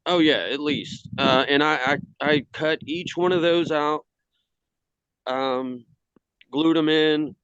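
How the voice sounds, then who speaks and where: Smooth-voiced man on a dull video call. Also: fairly high pitch, fairly even intonation, slow, a bit bright, dry recording. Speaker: model builder presenting his work. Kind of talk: casual slideshow talk. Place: outdoors in the cold, on a video call.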